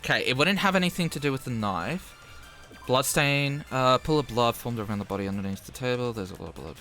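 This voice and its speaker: A man's voice: medium pitch, expressive, a little fast, bright, forceful tone, soft background music. A man streaming a game, thinking aloud casually through clues.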